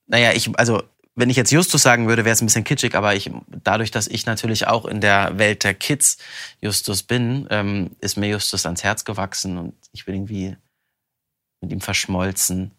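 A man answering interview questions in quick, animated bursts with a bright, forceful edge to his voice. His pitch sits on the lower side, and he keeps up a lively, talkative manner. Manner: animated and chatty, quick bursts, frequent laughs. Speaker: voice actor interviewed about his audiobook.

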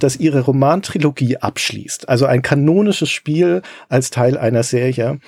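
A man hosting a podcast, making a measured, thoughtful argument in a discussion. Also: medium pitch, warm tone, dry recording. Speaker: podcast host.

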